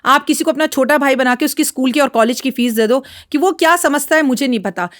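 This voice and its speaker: A woman's voice: high voice, fast, no room sound, clean studio sound. A woman astrologer speaking as a podcast guest, frank and lecturing in a blunt, outspoken way. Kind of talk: podcast interview talk.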